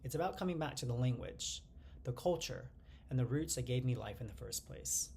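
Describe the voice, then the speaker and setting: A man in his forties from the United States, speaking to the camera in a measured, earnest personal monologue as the channel's host. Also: medium pitch, expressive, vocal fry, warm tone, a little hiss or hum. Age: 40s. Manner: earnest, measured delivery in short phrases, glancing at notes.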